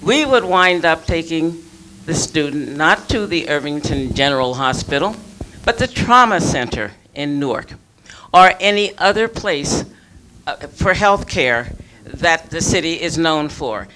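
A woman's voice: low-pitched, animated, unhurried, background noise. A woman in the audience makes an earnest, emphatic comment to a panel.

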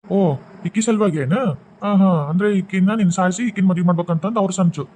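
A man's voice: high voice, fairly quick, warm tone. A man voicing a protective ghost father in a cartoon, reassuring in a North Karnataka Kannada accent. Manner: reassuring, firm.

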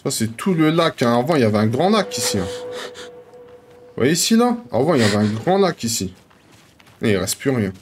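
Excitable, slangy man gaming on stream. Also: mid-range voice, normal speed, pauses often. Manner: slangy, joking, talks to viewers; jumps to excited yelps. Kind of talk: excitable let's-play commentary.

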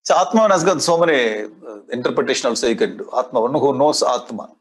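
A South Indian-accented man in his sixties, a spiritual teacher, lectures on Sanskrit scripture in front of a display board in an indoor studio, recorded with a lapel mic. His husky, medium-pitched voice is lively and fast. He speaks conversationally, repeats phrases and uses everyday examples.

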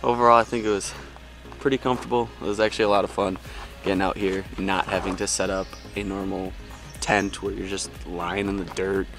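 With music playing behind him, a young man talks briskly in a low, level voice. He's a camping vlogger giving a friendly, upbeat vlog to camera from his truck bed tent and campsite outdoors, recorded on a camera mic.

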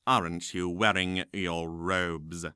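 A man voicing a sneering, spitting male potions professor in a storybook reading, drawing his words out in a low snarl. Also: little pitch movement, sharp tone, clear, resonant tone, dry recording, studio quality, full character voice. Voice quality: slow, snarling.

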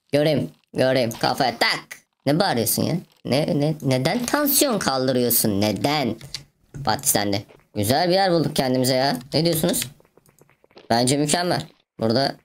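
Very deep-voiced playful woman gamer. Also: slight background noise. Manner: playful, chatty, makes mouth sound effects. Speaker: gaming video host. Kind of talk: let's play commentary.

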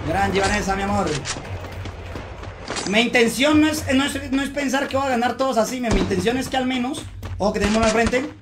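High-voiced man streaming a shooter. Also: fairly quick, background noise. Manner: chatty, talks himself through fights, mutters to calm down. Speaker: gaming streamer. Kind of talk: live gameplay commentary.

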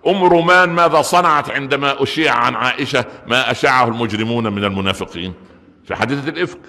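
Fast-talking Egyptian preacher in a reverberant hall. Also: male voice, mid-range voice, creaky. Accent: Egyptian Arabic. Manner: animated, swings between loud outbursts and quiet asides. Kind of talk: Friday sermon.

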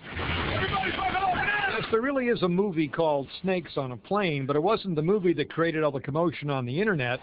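Male news reporter, fifties, slightly high voice, office newsroom, lo-fi TV audio. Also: very animated, background noise. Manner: brisk, measured reporter delivery. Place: office newsroom with desks and computers.

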